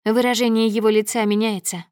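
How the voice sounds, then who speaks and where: A woman reading a first-person story aloud in a measured, dramatic storytelling manner. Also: a little high, level tone, darkish tone, smooth, dry recording, studio quality. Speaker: audiobook narrator. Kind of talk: first-person audiobook narration.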